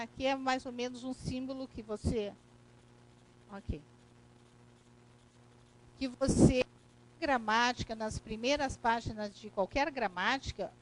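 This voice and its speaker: On a rough recording with a bit of hiss or hum, a woman's rather high voice walks through a grammar lesson one step at a time. She has a Brazilian Portuguese accent and keeps checking understanding with "né?" and "correto?".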